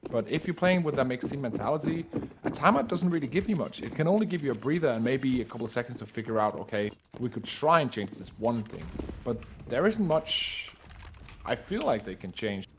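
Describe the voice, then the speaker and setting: A man with a deep, husky voice co-commentating esports over an online voice call, analysing play in a hesitant, conversational way. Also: animated, a little fast. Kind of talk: live esports commentary and banter. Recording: noisy voice chat with clicks, gunfire.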